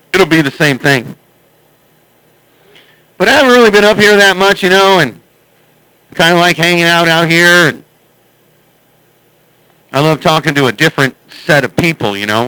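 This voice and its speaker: A man with a fairly high, bright voice chats casually on CB radio. He rambles bluntly and saltily, with a clean, crisp sound. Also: no room sound, poor audio. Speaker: CB radio operator who records and uploads chats.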